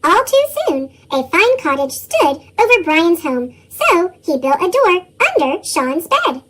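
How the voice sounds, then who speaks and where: A storybook narrator whose voice is run through a sped-up chipmunk effect, reading a tale aloud with lively chuckles in the dialogue. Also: measured pace. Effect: sped-up, pitched-up chipmunk voice.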